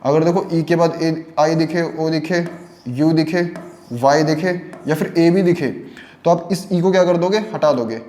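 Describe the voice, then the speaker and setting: A man's voice: on the high side, unhurried, warm tone, reverberant. A man teaching chemistry in a lecture, asking questions and answering them himself, repeating key terms and mixing English terms into his speech. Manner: mixes English terms into Hindi.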